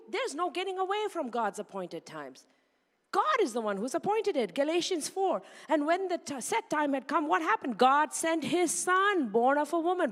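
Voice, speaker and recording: A woman preacher with a high, bright-toned voice delivers an animated sermon in a church sanctuary. She keeps asking rhetorical questions and answering them herself. The long reverb of the church hall trails after her words.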